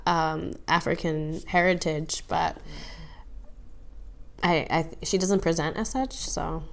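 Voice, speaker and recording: A woman co-hosting a podcast, talking in a relaxed, casual way. Her voice sits a little low, and she works through her thoughts with frequent pauses and restarts. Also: gravelly. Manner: thoughtful, hesitant with many fillers and restarts. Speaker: podcast co-host.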